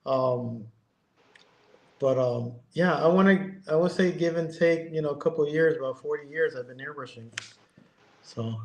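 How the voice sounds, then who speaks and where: A man's voice: a little high, moderate pace, creaky, a little hiss or hum. Hesitant middle-aged man, roomy sound. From Connecticut, USA. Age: 50s. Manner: hesitant, many ums and restarts. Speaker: guest, airbrush artist. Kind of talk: casual interview chat.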